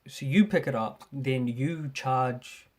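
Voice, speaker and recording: A man's voice: medium pitch, takes it slowly, a little mellow. A man hosting a casual podcast chat, talkative and full of ums and restarts. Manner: chatty, hesitant with ums and restarts. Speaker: podcast host.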